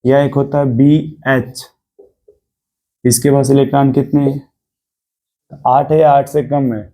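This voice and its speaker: A man's voice: medium pitch, little pitch movement, takes it slowly, mellow. A man teaching a chemistry class, lecturing and constantly asking the students questions. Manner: mixes English terms into Hindi explanation.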